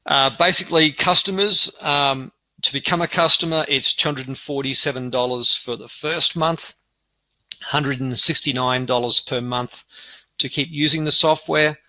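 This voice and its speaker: Bright, forceful male webinar presenter. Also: a little high, fairly even intonation, normal speed, dry recording, rough recording. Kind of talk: informal sales webinar presentation. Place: live online webinar.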